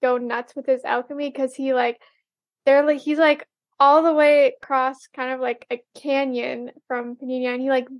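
A woman's voice: high voice, level tone, normal speed, no echo. A woman co-hosting a podcast, recapping an episode casually and hesitantly, with many fillers. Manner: hesitant, full of "um" and "like". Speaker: podcast co-host.

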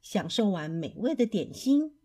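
A woman reading children's picture books aloud in a slow, expressive storybook manner. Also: medium pitch.

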